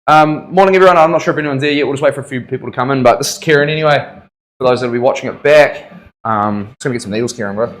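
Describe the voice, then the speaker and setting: A man with a broad Kiwi accent talks in a laid-back, matey way, full of casual slang. His mid-pitched voice suits an informal livestream hosted from the tattooist's chair. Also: racing, rough recording. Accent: New Zealand. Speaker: tattoo artist hosting a livestream.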